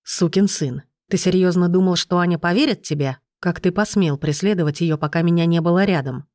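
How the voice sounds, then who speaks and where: A woman's voice: lowish voice, fairly quick, darkish tone, dry recording, studio quality, natural voice. Lady reading a mad jealous guy, hissy through his teeth. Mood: furious. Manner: hissing through clenched teeth. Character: furious jealous young man.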